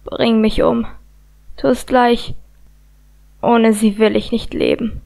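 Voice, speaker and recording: A woman reading an audiobook, voicing a chained, hoarse man who answers in short, quiet, stubborn words. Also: flat delivery, slow. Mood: despairing. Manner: terse, low-spoken, half whispered.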